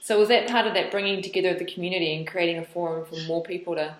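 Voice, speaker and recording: A woman interviewing a guest, asking curious, gently probing questions and affirming with soft mms. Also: on the low side, steady tone, very fast, roomy sound, low-quality recording.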